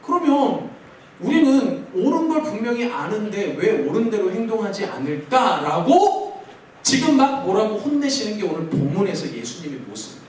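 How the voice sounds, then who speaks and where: A man's voice: sits high, sing-song, normal speed, a little mellow. A man, a youth pastor, preaching a sermon to teenagers in a playful way, asking them questions and answering them himself. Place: large church hall. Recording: very echoey hall, mic far off, faint room noise.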